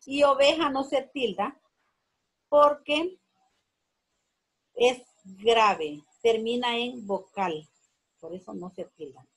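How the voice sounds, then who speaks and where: A woman teacher walks pupils through a spelling exercise at an unhurried, careful pace, drawing out each word. Her voice sits a little high and has a husky edge. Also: rough recording. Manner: slow, patient, repeating words syllable by syllable. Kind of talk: classroom lesson on accents.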